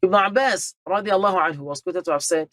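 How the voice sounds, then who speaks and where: A man's voice: high-pitched, brisk, sharp tone, no room sound. A man giving a religious lecture, speaking emphatically, laying out numbered points and sprinkling in Arabic terms. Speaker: Islamic teacher.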